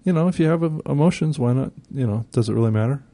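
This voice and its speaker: Casting note: mellow male co-host, halting and contrarian. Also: mid-range voice, animated. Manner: hesitant, restarts, contrarian. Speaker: podcast co-host. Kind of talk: casual TV recap chat.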